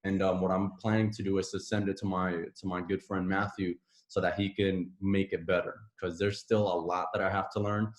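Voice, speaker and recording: Man from Puerto Rico, low voice, roomy echo. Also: normal speed. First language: Spanish. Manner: relaxed, rambling, many fillers and restarts. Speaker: podcast guest, musician. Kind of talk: casual conversation.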